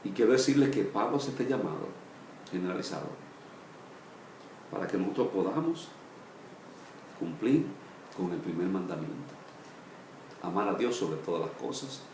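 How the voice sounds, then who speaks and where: Animated Spanish-speaking pastor teaching. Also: male voice, roomy sound, a little hiss or hum. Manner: pauses, "eh" fillers, phrases rising then dropping low and soft. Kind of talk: Bible study sermon.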